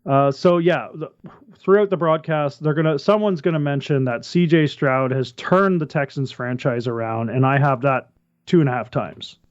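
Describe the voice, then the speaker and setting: A man's voice: medium pitch, moderate pace, no echo. Man talking football, dull dry mic. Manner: rambling, self-correcting, laughs at himself. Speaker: podcast co-host. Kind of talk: casual sports chat.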